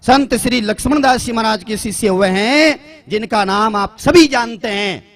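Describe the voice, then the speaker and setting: A man with a high-pitched, slightly bright voice gives a formal public talk to a religious gathering. He reads out a long list of names, using slow, repeated phrasing.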